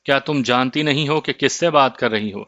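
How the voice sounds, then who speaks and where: A man's voice: mid-range voice, sharp tone, no echo, dull audio. A man doing a menacing jinn in cat form. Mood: angry. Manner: stubborn, threatening.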